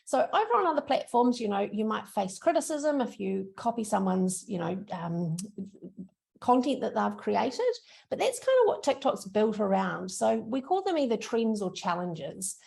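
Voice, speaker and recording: Very creaky broad Kiwi-accented woman. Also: medium pitch, big pitch swings, moderate pace, a little mellow. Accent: broad New Zealand (Kiwi). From New Zealand. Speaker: social media trainer. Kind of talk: informal online training presentation.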